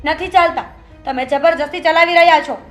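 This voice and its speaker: A woman's voice: high-pitched, a little fast, soft background music. A woman playing a composed, outspoken daughter-in-law. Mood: firm. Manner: calm but pointed. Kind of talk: family drama acting.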